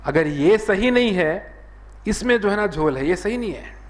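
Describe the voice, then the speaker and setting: A male preacher with a Hyderabadi Urdu accent giving an earnest sermon, often filling pauses with a stock phrase and lifting his voice to act out dialogue. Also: high-pitched, animated. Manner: earnest, repeats "jo hai na" as a filler, raises his voice when acting out dialogue.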